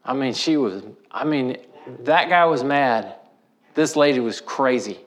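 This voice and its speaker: Missouri preacher guy, folksy storyteller, rural way of talking, medium pitch. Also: animated, a little slow. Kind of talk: storytelling sermon.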